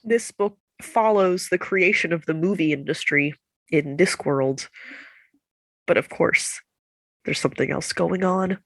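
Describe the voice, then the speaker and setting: A woman chatting casually as a book podcast co-host, playful and quick to laugh, her voice congested because she can't breathe through her nose. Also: fairly low pitch, creaky, no room sound. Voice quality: congested, stuffy blocked-nose voice. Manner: playful, animated, laughs easily. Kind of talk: casual chat.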